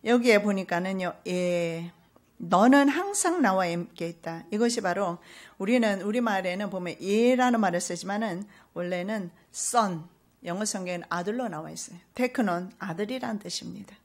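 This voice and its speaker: Woman, middle-aged, pastor, sermon, earnest, fervent exhortation. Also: mid-range voice. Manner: earnest preaching, slow stresses, rising to fervent loud exhortation.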